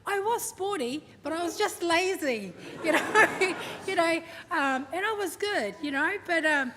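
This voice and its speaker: A high-pitched woman gives a eulogy at a family service. She tells stories in a chatty, humorous way and acts out the quotes. Her voice rings through a big echoey hall with faint noise behind it. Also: lively intonation, unhurried. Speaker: daughter giving a eulogy. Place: large hall at a memorial service.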